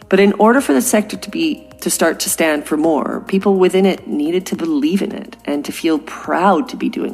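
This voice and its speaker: Her voice low and creaky, a Canadian woman in her forties hosts a podcast. She recounts a personal story in a scripted monologue, sounding earnest and reflective.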